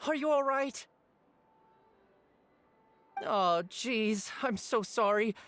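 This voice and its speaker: A woman's voice: a little high, extremely slow, a bit bright, soft background music. A woman playing a polite, flustered street vendor in a game, hesitant and eager to please. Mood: flustered, apologetic. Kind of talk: game voice acting.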